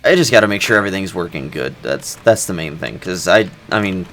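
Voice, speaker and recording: A man with a very deep voice that swings widely in pitch, chatting casually as a game mod developer. He is laid-back and joking, and he stumbles over the names of things. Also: lively intonation, brisk, a bit bright, a little hiss or hum. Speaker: mod developer, server host. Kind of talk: casual voice chat.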